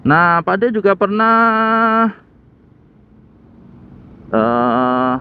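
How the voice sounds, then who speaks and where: A motovlogger chats casually while riding a motorbike through city traffic, his high voice sing-song and extremely slow with a clean tone. He records on a phone with a homemade headset mic, so the audio is tinny and phone-like. Faint road noise, traffic and engine sounds fill the background.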